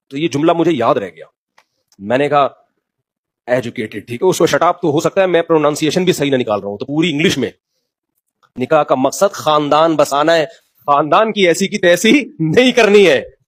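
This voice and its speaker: A man's voice: fairly high pitch, normal speed. A man giving a humorous religious talk, telling anecdotes and acting out the voices of the people in them. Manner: animated storytelling, acts out voices. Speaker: religious speaker. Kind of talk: humorous sermon.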